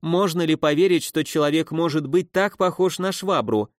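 A man voicing a drunken, cruel old woman who scolds and mocks in a loud, theatrical way. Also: fairly high pitch, normal speed, no room sound, clean studio sound, voice pushed up, natural voice. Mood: mocking. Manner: sneering, scolding, loudly theatrical.

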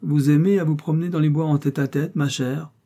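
A man's voice: on the high side, steady tone, brisk, warm tone, pitched above the performer's own voice. A man voicing a sly, impertinent young woman. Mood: insinuating. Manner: sly and insinuating.

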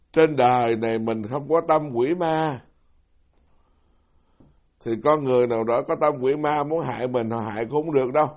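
A monk preaching to a live audience in a hall. He is a middle-aged man at a middle pitch, chatty and self-deprecating. He keeps turning to ask his listeners questions. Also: darkish tone. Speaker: Buddhist monk giving a dharma talk. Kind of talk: sermon.

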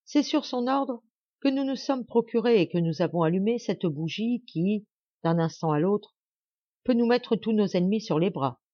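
A woman voicing grave male army officers in an audiobook, speaking earnestly and measured. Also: lowish voice, warm tone, no echo, highs cut off. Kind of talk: audiobook character voice.

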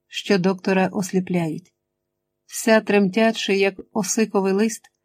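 A woman narrating an adventure audiobook in a steady, measured reading voice. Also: medium pitch. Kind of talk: scripted narration.

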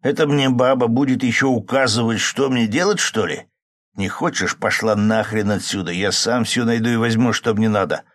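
A man voicing a rough, irritable drinking young man who talks gruffly and rudely, in an audiobook. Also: mid-range voice, normal speed, fairly bright tone, pitched above the performer's own voice, close to an everyday voice. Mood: shouting. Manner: gruff, bellowing, rude.

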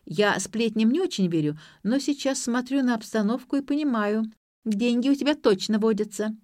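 A woman voicing a curious, outspoken young female student who talks in a lively, teasing way. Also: a little high, moderate pace, no room sound, clean studio sound, pitched above the performer's own voice, natural voice.

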